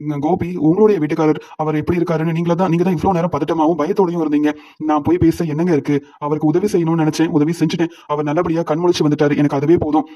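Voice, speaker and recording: A man voicing a gentle, selfless middle-aged wife who speaks calmly and humbly. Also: fairly high pitch, racing, natural voice. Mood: humble. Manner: calm, humble. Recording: dull lo-fi audio.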